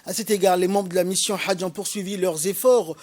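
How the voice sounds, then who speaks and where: High-voiced male news anchor, hesitant. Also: fairly even intonation, darkish tone. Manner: measured reading with frequent "euh" hesitations. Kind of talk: news reading.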